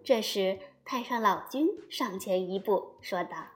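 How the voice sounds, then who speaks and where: A woman narrating a classic tale as a storyteller, in an expressive, unhurried manner. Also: medium pitch, faint music behind.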